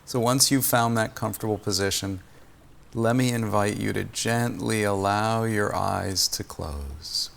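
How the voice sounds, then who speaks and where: A man teaching a guided meditation speaks gently and soothingly, leaving long pauses between phrases. His voice is fairly low and gravelly.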